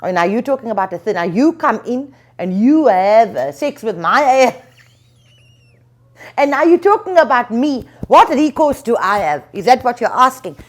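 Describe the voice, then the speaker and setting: A woman attorney explaining legal points in an interview, measured and thinking aloud with frequent fillers. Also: fairly high pitch, animated. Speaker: attorney and lecturer, interview guest.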